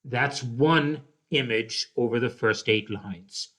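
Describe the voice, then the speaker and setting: A man's voice: medium pitch, bright, forceful tone. A man teaching a poetry lesson, explaining carefully and often checking in with "okay?", with some restarts and "uh" fillers. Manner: slow, deliberate explaining with frequent "okay?" check-ins. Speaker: literature teacher. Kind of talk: recorded poetry lecture.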